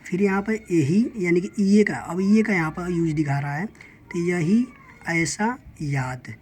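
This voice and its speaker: A woman's voice: on the low side, darkish tone, slightly rough. A woman teaching a beginners' reading lesson, patiently sounding out each letter and word step by step. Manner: patient, sounds out letters slowly, repeats "theek hai".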